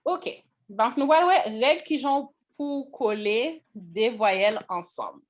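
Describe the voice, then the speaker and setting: Slow-paced woman teaching a class. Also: on the high side, expressive. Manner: slow, checks in with the class often. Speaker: language teacher. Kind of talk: classroom lesson on pronunciation.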